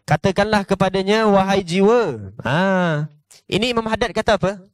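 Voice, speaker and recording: A man's voice: sits high, fairly quick, no room sound. A male religious teacher with a Malaysian Malay accent, giving an online lesson on a classical text, reading passages and explaining them with frequent rhetorical checks. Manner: lively, peppers talk with rhetorical "ha?" checks; reads passages then explains them conversationally.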